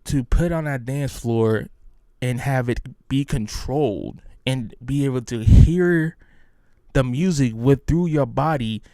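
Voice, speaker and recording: Male podcast host, mid pitch, hyped rambling delivery, dry close sound. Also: slow, dark tone, no room sound. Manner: rambling, hyped, many restarts. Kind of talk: casual solo podcast talk.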